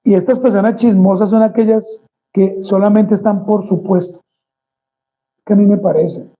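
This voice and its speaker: A man's voice: high voice, steady tone, normal speed, warm tone, highs cut off. A male pastor delivering a conversational sermon, addressing the congregation as brothers and acting out small quoted exchanges.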